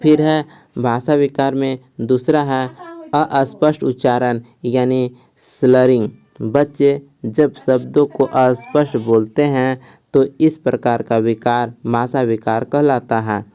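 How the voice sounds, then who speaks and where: A man's voice: mid-range voice, steady tone, slow, dark tone. A man giving an exam-prep lesson, reading from a textbook and then explaining it again in simpler words, often checking with "theek hai". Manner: mixes English terms into Hindi explanation. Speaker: teacher.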